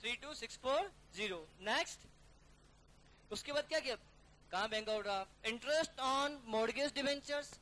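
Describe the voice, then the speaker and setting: Male teacher, bright forceful voice, drills a class through a worked problem, faint hiss behind. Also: very high-pitched. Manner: brisk, coaxing students to call out figures; calls students "beta" and "yaar". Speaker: accounting teacher.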